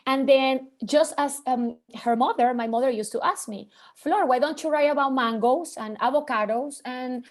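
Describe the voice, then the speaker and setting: A woman's voice: high-pitched, moderate pace, hardly any pauses. A woman from Venezuela hosting an online panel conversation, talking with many hesitant restarts. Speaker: host.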